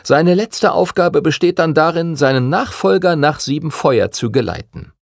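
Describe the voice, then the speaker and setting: A patient older master teacher of dragon riders from an audiobook, voiced by a man. He lectures in a calm, measured way, his voice lifted above the narration, lively and slightly gravelly, in a dry recording. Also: a little high, no room sound, pitched above the performer's own voice. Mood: calm lecturing.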